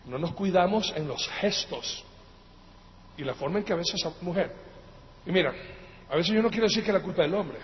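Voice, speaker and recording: Male preacher, Latin American accent, high-pitched, swings loud to soft, hall reverb with faint hiss. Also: animated, fairly quick, long pauses. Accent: Latin American Spanish. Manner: emphatic preaching that swings between loud outbursts and quiet asides; addresses listeners as brothers. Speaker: pastor. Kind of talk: sermon. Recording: echoey hall, dull lo-fi sound, faint noise.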